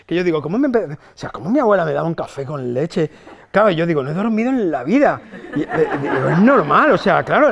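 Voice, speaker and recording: A middle-aged man, a psychologist, giving a chatty, humorous talk to a live audience, telling stories, swearing casually and checking the crowd follows. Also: high voice. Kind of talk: humorous conference talk to nurses. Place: hospital hall with a live audience.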